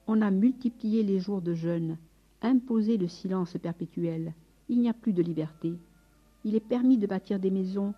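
A woman's voice: mid-range voice, slightly rough. A woman reading aloud the lines of an agitated young male friar who pleads urgently, in a storybook, on a dull recording.

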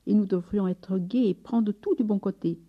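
A woman's voice: medium pitch, normal speed, slightly rough, close to an everyday voice. A woman voicing a sick, humble male friar who prays devoutly and recites solemn praise. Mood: gentle pleading. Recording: slightly dull recording with soft music.

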